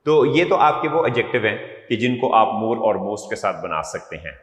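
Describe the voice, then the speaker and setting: A man from Pakistan teaching an English grammar class. He keeps checking in with "okay?", quizzes his students, and draws out the English words slowly. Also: lowish voice, sing-song, a bit bright. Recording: echoey hall, distant mic.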